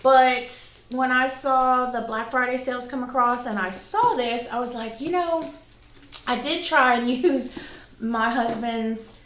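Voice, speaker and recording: Her voice is fairly high, a touch slow and a bit bright as she, a woman around forty, talks through product reviews for her vlog audience. The tone is conversational and casual, with self-deprecating asides. The room is echoey, with faint noise in the background.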